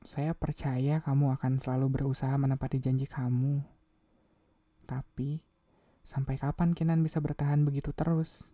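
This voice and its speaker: A man reading a novel aloud, voicing an anxious young woman who pleads softly, half whispering. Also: a bass voice, level tone, moderate pace, long pauses, dry recording. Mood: anguished.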